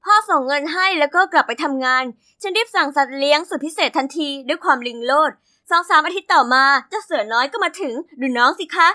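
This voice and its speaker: A woman narrating a scripted animated life story in a chatty, sassy and dramatic way. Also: sits high, fast.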